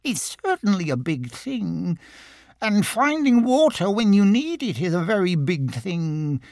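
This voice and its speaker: A man voicing a small, timid, anxious piglet in a storybook, hesitant, wistful and squeaky. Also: sing-song, a little slow, darkish tone, no room sound, full character voice. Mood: wistful, pondering. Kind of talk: storybook character voice.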